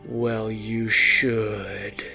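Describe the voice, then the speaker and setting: A man doing a slow, hushed, creepy stranger. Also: level tone, vocal fry, soft background music, heavily acted. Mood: sinister, hushed. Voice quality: slow, low, hushed, drawn-out delivery. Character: creepy male alley stranger who buys butts.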